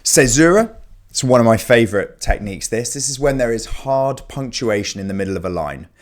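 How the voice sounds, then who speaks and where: A man's voice: lowish voice, brisk. Chatty man explaining exam poetry. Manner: informal, chatty explaining with fillers. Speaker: teacher. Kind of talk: exam revision lesson.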